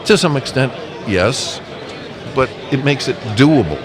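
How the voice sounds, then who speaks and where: With a mid-range, animated voice and a measured pace, a man appears as an interview guest for an amateur radio association. The casual live chat takes place at a busy convention, crowd noise all around, while he makes his points emphatically and in order.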